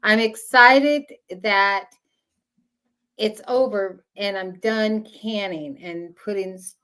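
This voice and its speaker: A woman chatting casually in a halting way, repeating words as she goes. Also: mid-range voice, sharp tone, clear, resonant tone. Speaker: small farmer. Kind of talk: casual chat.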